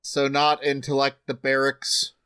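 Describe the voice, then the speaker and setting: A man's voice: medium pitch, completely flat delivery, unhurried, pushed and bright, clear, resonant tone. A man chatting casually as a player at a tabletop game.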